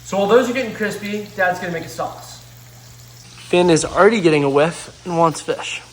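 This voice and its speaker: A man's voice: high-pitched, animated, a little fast, a little hiss or hum. A young man hosting a casual cooking vlog in a home kitchen, upbeat and enthusiastic. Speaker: host.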